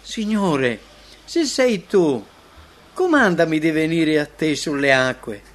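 A man's voice: a little high, big pitch swings, slow pace. A man voicing an impulsive adult disciple who pleads and cries out to his master, in a dramatic audio retelling. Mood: pleading. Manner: pleading, crying out in terror.

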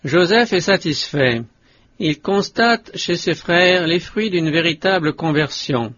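Man narrating a religious audiobook, solemn and measured, kinda high voice, dull lo-fi recording. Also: lively intonation, a bit bright, slight background noise. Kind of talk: scripted narration of a religious book.

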